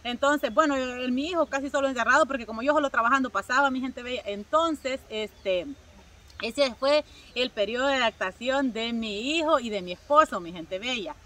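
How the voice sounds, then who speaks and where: A woman's voice: sits high, normal speed, fairly bright tone, recorded from a distance. A Salvadoran woman chatting casually to her viewers, with lots of filler words and friendly asides to her audience. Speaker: vlogger.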